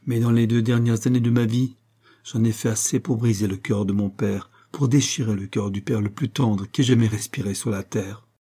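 A man's voice: on the low side, fairly even intonation, moderate pace, dark tone, breathy edge. A man reading an audiobook, voicing a nineteen-year-old woman who trembles and pleads as she guards a secret. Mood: despairing. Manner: trembling, pleading, slightly raised voice.

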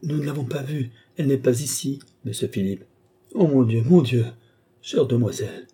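A man's voice: medium pitch, fairly quick, dark tone, slightly rough, voice pushed up. A man voicing a young female servant, crying out in fear. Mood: distressed. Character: anxious old woman servant Nicole.

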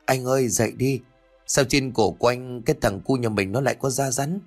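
A man's voice: medium pitch, fairly quick, soft background music, close to an everyday voice. A man voicing a frantic, grieving young mother who cries and pleads in a breaking voice. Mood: panicked. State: crying.

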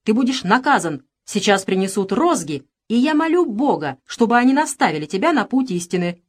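A woman's voice: mid-range voice, sing-song, brisk. A woman voicing a stern, cold noblewoman who scolds and commands her son harshly, in an audiobook. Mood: cold anger.

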